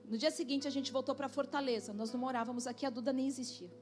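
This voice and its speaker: High-voiced woman preaching a sermon. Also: steady tone, a little mellow, soft background music. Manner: slow, emphatic preaching with dramatic drops in volume. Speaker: pastor.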